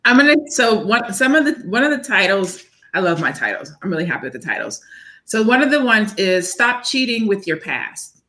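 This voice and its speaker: This guest, an author in her forties, has a mid-range voice and talks a little fast while chatting casually about her book. Her tone is sincere and faith-centered, and when she gets going she tends to restart sentences and say words twice.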